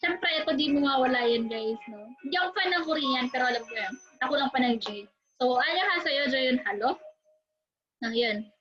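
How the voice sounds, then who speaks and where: A high-pitched young woman with a Filipino accent chats through her vlog, laughing at herself and filling pauses with little hesitations. The recording is slightly dull and muffled. Music plays clearly behind her the whole time. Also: lively intonation. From Philippines. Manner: giggly, self-deprecating, chatty with many fillers. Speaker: vlogger. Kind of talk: casual vlog chat mixing Tagalog and English. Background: background music.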